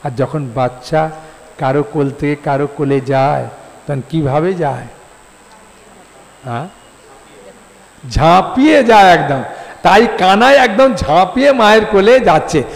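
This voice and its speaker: A man preaching a devotional sermon, his voice sitting a little higher than most men's. He tells the story with animated storytelling, slipping into voices for each character. A long reverb trails his words around a large hall. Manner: animated storyteller, acting out quoted voices with rising pitch.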